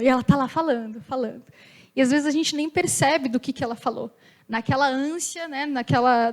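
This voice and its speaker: A young woman with a high-pitched, naturally loud voice speaks at a company talk. She keeps it informal and chatty. Now and then she breaks into short acted-out dialogues. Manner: lively, chatty, acts out little dialogues.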